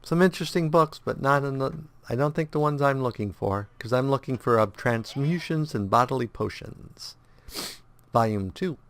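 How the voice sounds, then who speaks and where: A let's play host with a stuffed-up nose and slightly sore throat talks casually about the game he's playing, humming idly as he goes through menus. His medium-pitched voice moves at normal speed with no echo, and his delivery is relaxed and rambling, like thinking aloud.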